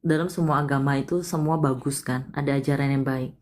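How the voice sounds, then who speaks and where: A woman's voice: a bass voice, fairly even intonation, brisk, a little mellow. A woman hosting a live palm reading, talking soothingly and calling the caller dear. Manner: soothing, calls listener sayang often. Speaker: palm reader host. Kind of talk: live stream reading and consoling.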